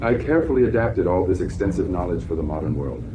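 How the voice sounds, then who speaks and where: A man in his sixties from Kazakhstan speaks with a very low, deep voice. He answers an interviewer in measured, formal sentences and sounds sure of himself. A steady wash of background noise runs under the recording. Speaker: interviewee, founder of a healing teaching.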